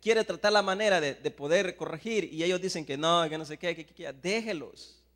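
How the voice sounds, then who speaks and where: Preaching in a Salvadoran Spanish accent, this man from El Salvador moves from quiet asides to forceful, booming Bible passages. He pitches high and speaks briskly. His words ring out with a long reverb tail.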